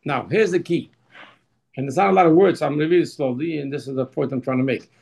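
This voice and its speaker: A man teaching a religious text class. He often repeats and restarts his words, and he reads passages slowly before translating them. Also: a little high, vocal fry, darkish tone, rough recording.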